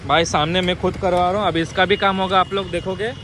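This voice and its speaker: A young man, chatting excitably as he vlogs his motorbike ride and a roadside bike workshop, dropping English words in. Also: sits high, fast. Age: young adult. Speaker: motovlogger. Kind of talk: casual vlog commentary while riding. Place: city streets and roadside bike workshop, outdoors. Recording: faint street and traffic noise.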